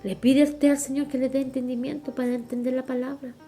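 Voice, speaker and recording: A woman's voice: sits high, flat delivery, a little fast, warm tone, faint music behind. A middle-aged woman, preaching at a women's retreat and calling her listeners sisters. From Chile. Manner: fervent, addresses listeners as sisters. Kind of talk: sermon.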